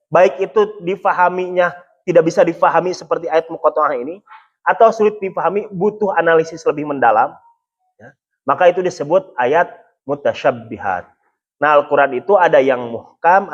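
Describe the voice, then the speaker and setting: A man who teaches Islam gives a Quran study lecture, explaining patiently and often adding "ya" to check that listeners understand. His voice is a little high, and the highs are cut off in the recording.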